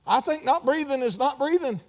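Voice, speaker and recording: A pastor preaching a sermon in a conversational way, with sudden emphatic bursts and joking asides. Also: male voice, very high-pitched, animated, a little fast.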